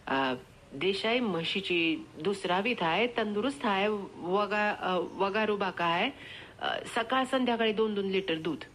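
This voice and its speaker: A woman's voice: medium pitch, lively intonation, measured pace, a bit bright, a little hiss or hum. A woman reading aloud voices a nervous poor village man who stammers and hesitates as he sells his buffalo. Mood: timid.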